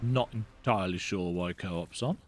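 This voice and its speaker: A man's voice: low voice, moderate pace. A man giving casual let's-play commentary, thinking aloud as he plays. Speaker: gamer.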